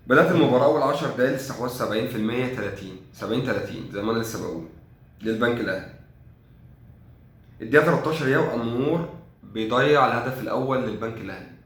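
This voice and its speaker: Egyptian-accented young male fan, exasperated and sarcastic, rapid casual match recap in a roomy space. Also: mid-range voice, a bit bright. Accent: Egyptian Arabic. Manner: sarcastic, exasperated, thinks aloud. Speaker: football fan commentator.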